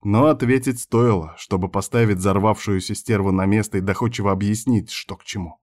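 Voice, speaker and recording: A man reading a first-person novel aloud in a steady, measured storytelling manner. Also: fairly low pitch. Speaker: audiobook narrator. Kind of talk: first-person audiobook narration.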